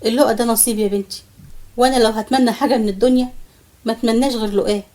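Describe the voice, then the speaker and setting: A woman's voice: fairly high pitch, fairly even intonation, racing, mellow, natural voice. A woman with an Egyptian accent voicing an elderly grandmother who teases bluntly and affectionately. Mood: wistful. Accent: Egyptian Arabic. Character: elderly grandmother, teasing and wise.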